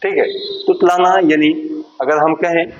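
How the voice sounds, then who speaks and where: A man with a fairly high voice teaches an exam-prep class. He walks through each point, poses a question and answers it himself, often checking in with "okay". The sound is dull and lo-fi, with a faint hiss behind him. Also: level tone, moderate pace. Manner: explains step by step, asking and answering his own questions, often saying "ठीक है".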